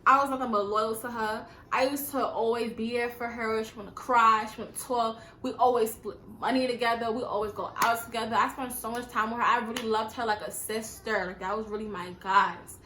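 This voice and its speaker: 20ish new girl spilling a storytime, slangy and cussing, crisp bright voice in an echoey room. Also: a little high, brisk, few pauses, a little hiss or hum. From New York. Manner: animated, slangy, profane, addresses viewers as y'all. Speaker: vlogger. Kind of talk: casual storytime.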